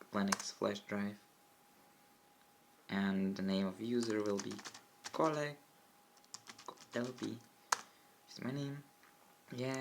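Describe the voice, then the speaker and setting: Here a young man from the Czech Republic, low-voiced and Czech-accented, gives rambling how-to commentary on an install as a tech hobbyist. He corrects himself often and mutters asides to the camera from a desk beside a window. An old smartphone camera mic captures it lo-fi, with faint room noise.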